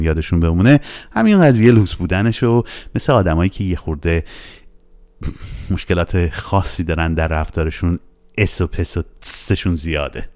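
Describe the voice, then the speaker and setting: A man giving a casual spoken language lesson, playful and animated, repeating each sound slowly for practice. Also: fairly low pitch. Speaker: Russian language teacher.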